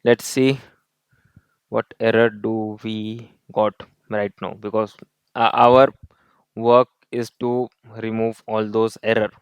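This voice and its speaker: A man teaches a coding lesson over a screen recording. His voice is smooth and clear, recorded dry and close to the mic. He breaks each step down and repeats key points, mixing in Hindi tag words. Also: on the low side, little pitch movement, takes it slowly, no echo. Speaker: coding tutor.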